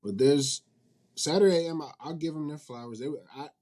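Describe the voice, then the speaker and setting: A man with a slightly high voice and a warm tone talks fairly quickly as a guest in a casual interview. He's an indie manga publisher and company CEO, speaking colloquially and repeating points for emphasis.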